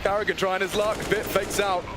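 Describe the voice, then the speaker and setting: A man casting esports live, giving excitable, dramatic play-by-play with theatrical, flowery phrasing that builds to shouts. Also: sits high, brisk, background noise. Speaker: esports caster.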